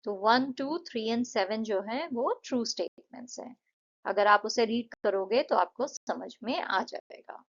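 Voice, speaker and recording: A woman teacher with an Indian English accent, walking students through English exercises in Hindi and English, slowly stretching out words to show their syllables. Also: a little high, vocal fry, lo-fi sound.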